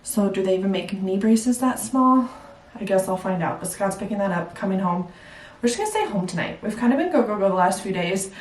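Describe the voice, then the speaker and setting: A woman's voice: mid-range voice, expressive, a little fast, darkish tone. A young woman vlogging at home, breathless, chatting casually and rambling, laughing at herself. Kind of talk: casual chat to camera. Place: at home indoors. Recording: roomy echo, mic at a distance.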